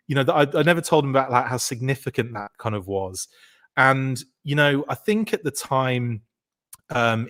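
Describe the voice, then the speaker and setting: A man's voice: medium pitch, fairly bright tone. Rambling man, podcast guest. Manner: rambling, full of fillers and restarts. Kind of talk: casual chat.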